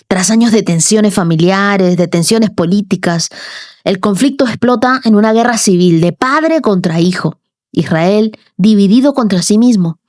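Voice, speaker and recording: A woman's voice: mid-range voice, darkish tone, no room sound. Woman reading Scripture, dry close sound. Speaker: devotional reader. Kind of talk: scripted Bible reading and devotional commentary.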